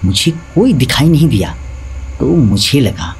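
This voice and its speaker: Animated male horror storyteller. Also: medium pitch, unhurried, creaky, slight background noise. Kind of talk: scripted horror narration. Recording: faint background music.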